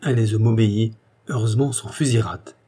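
Male audiobook narrator, mellow low voice, dramatic reading. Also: fairly quick, husky. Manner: steady, dramatic storytelling. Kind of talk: scripted narration.

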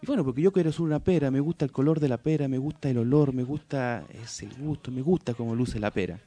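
A man's voice: medium pitch, fast talker, dark tone, no room sound, lightly acted. A man voicing a young araucaria tree in a spoken folk tale. The tree is crying and longs to be something else, and it speaks in a plaintive, wistful way. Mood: longing.

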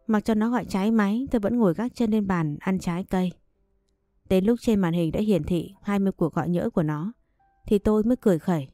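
A woman's voice: mid-range voice, dark tone, no room sound, studio quality. A woman narrating a first-person story and reading every character's lines in one voice. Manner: reads all characters in one voice.

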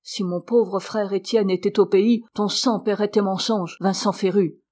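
A woman's voice: medium pitch, steady tone, moderate pace, a little mellow, close to an everyday voice. Fiery farm woman, read by a woman. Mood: indignant. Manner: indignant outbursts. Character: angry loyal peasant farm woman.

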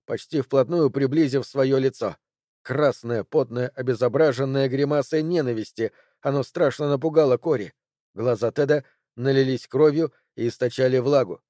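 A man reading an audiobook chapter in steady, measured narration. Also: medium pitch, dry recording, clean studio sound. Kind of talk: scripted narration.

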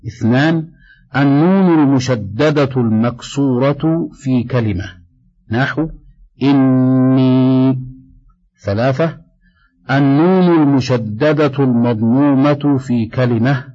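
A man's voice: mid-range voice, mellow, husky, muffled recording, soft background music. Man reading a tajweed lesson aloud. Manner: measured, dictating, slows to recite quoted verses. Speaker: Quran recitation teacher.

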